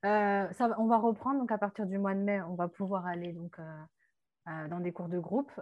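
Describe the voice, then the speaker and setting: During a relaxed French lesson, a woman patiently explains Portuguese words, using many fillers and mixing in Portuguese terms as she chats. Her voice is medium-pitched at a moderate pace, and the audio sounds dull.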